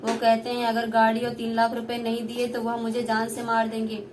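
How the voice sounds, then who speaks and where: A woman's voice: on the high side, completely flat delivery, brisk, background noise, lightly acted. A young woman voicing a poor, meek young daughter-in-law in a puppet play, pleading and submissive. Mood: distressed.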